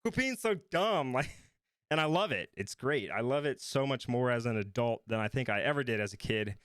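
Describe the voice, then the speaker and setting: A man in his thirties co-hosting a podcast in casual chat, animated and quick to laugh. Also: mid-range voice, clean tone, no echo, clean studio sound. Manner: animated, laughs easily, chatty. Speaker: podcast co-host.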